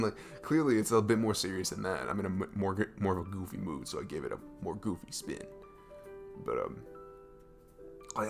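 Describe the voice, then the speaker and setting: In a romantic ASMR roleplay, an actor with a lowish voice plays an affectionate young best friend, chatting one to one in a casual, improvised-sounding way. He rambles and gushes informally, goofy and amused, chuckling between phrases as faint music plays behind him.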